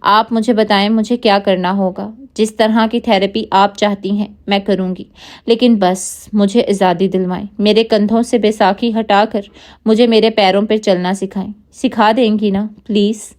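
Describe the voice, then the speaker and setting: A woman's voice: medium pitch, fairly even intonation, darkish tone, lightly acted. A woman reading the lines of a resolute young woman asking for therapy. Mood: determined.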